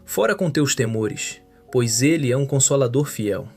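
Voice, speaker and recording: A man narrating a translated sermon in a solemn, measured preaching manner. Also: mid-range voice, expressive, creaky, darkish tone, soft background music. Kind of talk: scripted sermon reading.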